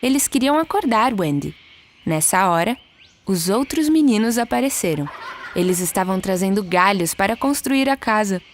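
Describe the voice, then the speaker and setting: A woman with a Brazilian Portuguese accent reading a children's storybook aloud in a clear, expressive narrating voice. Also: mid-range voice, normal speed, a little hiss or hum. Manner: clear, expressive storytelling, lifts her voice for characters' lines. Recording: soft music behind.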